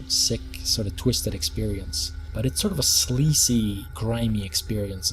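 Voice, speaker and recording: A young man giving an enthusiastic, rambling movie review, stacking adjectives and repeating words for emphasis. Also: on the low side. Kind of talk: casual video review.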